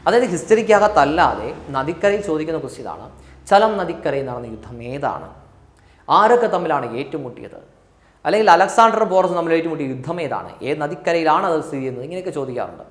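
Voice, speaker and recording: A male teacher with a Malayali accent giving an exam coaching lecture, repeating key answers slowly for drilling. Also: fairly high pitch, very animated, echoey room.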